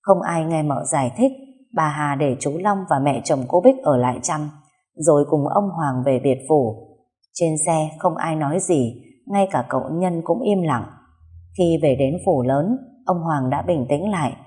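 A woman narrating a family drama story in a steady, measured way. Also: low voice.

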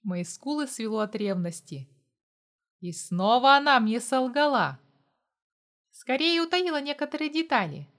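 A woman narrates a first-person audiobook in a steady storytelling manner. Her voice sits a little high. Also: unhurried, long pauses.

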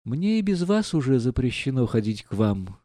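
A man's voice: mid-range voice, very animated, normal speed, no room sound, clean studio sound, natural voice. A man doing a mild, earnest young prince. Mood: gentle earnest. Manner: gentle, earnestly pleading.

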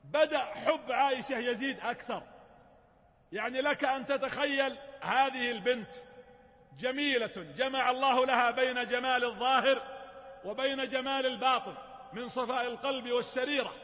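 A man with a very high, bright, forceful voice delivers a religious lecture as a story. He breaks down old accounts in everyday words and drops in the odd wry joke. His voice rings out with a long hall reverb behind it. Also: normal speed. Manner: retells sacred history with colloquial explanations and humorous asides.

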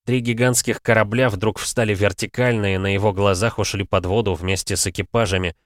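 A man narrating an audiobook in a steady, dramatic storytelling manner. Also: fairly low pitch, fairly quick, no room sound, clean studio sound.

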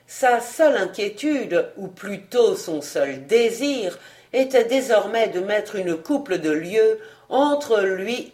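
A volunteer reader narrating a classic novel as an audiobook in a steady, expressive way. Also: mid-range voice.

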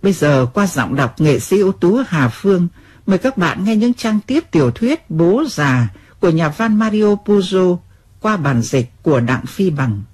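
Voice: mid-range voice, sing-song, moderate pace, darkish tone, breathy edge. An audiobook presenter giving a formal, scripted introduction to a novel. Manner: formal, announcer-like.

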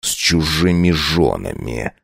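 A man voicing a cruel, menacing vampire count with a low, slow, threatening growl, audiobook style. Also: animated, creaky, no echo, studio quality, exaggerated voice.

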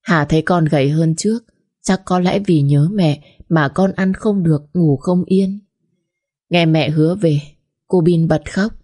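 Low-voiced woman narrating a sad story. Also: warm tone. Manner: sorrowful, measured.

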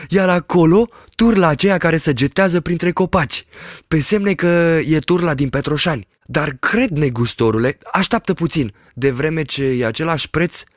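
A man voicing an awestruck, superstitious village shepherd in an audiobook reading, with a high, exclaiming voice. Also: dry recording, clean studio sound, natural voice. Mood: wondering.

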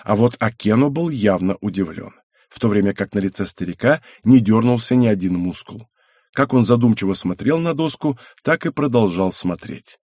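A husky male narrator reads a first-person audiobook with an expressive, wry delivery. The studio sound is close and dry. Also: lowish voice, normal speed, no echo.

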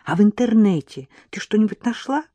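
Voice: mid-range voice, expressive, fairly quick, warm tone, dry recording, muffled recording, voice pushed up, lightly acted. A reader voicing a persistent young nanny who presses and coaxes with questions, in an audiobook. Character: persistent young female nanny, worried and curious. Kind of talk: audiobook character voice.

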